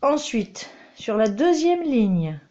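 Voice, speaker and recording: A woman's voice: on the high side, very animated, takes it slowly, mellow. A woman teaching her child to read at home, patient and coaxing, recorded on a dull, lo-fi mic. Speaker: homeschooling mother. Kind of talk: reading lesson with a child.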